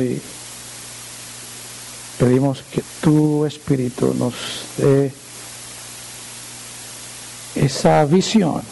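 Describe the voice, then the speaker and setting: A male pastor reading scripture aloud in a sermon and praying, slow and solemn, lifting his voice for quoted speech. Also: mid-range voice, vocal fry, warm tone, a little hiss or hum, poor audio. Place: church.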